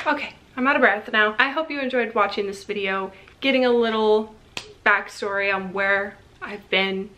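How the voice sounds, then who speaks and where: A woman's voice: medium pitch, fairly bright tone. A young woman casually chatting through a book wrap-up on her channel, rambling and friendly with frequent fillers. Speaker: book vlogger. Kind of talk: casual reading wrap-up vlog.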